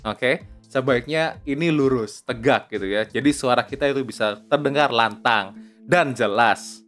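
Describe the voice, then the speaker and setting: A man's voice: medium pitch, normal speed, a bit bright, soft background music. A young man giving a casual spoken tutorial on voice-over, chatty, often tagging "ya" and "oke", dropping in English phrases. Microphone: close lapel mic.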